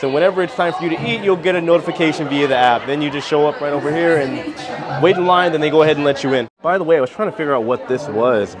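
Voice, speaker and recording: Chatty man vlogging on a cruise ship. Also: fairly high pitch. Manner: chatty, candid, addresses viewers directly. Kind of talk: casual vlog narration. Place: cruise ship corridors and venues, indoors. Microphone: phone camera held at arm's length.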